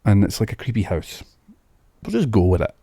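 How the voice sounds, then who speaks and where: A man's voice: lowish voice, big pitch swings, brisk, creaky, mellow, no room sound. A Scottish man streaming a video game, chatting casually and musing aloud about what he sees. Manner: chatty, muses aloud, restarts words. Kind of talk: casual gameplay commentary. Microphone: new studio mic.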